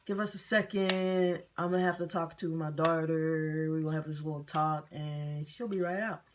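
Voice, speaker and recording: A young woman voicing her gentle, patient mother coaxing her child. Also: low voice, fairly even intonation, moderate pace, slight background noise, close to an everyday voice.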